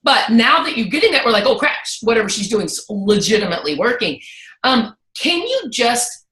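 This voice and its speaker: This host leads a casual chat in a brisk, fairly high voice, and the room sounds roomy. She speaks candidly and with animation, slipping into asides and performed quoted thoughts.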